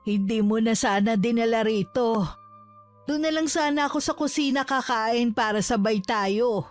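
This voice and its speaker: A woman's voice: fairly high pitch, moderate pace, natural voice. Lady doing a protective mom, tender with her kid and fierce with the bully, faint music behind. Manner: warm with her son, fierce when threatened. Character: loving, fierce mother protecting her son.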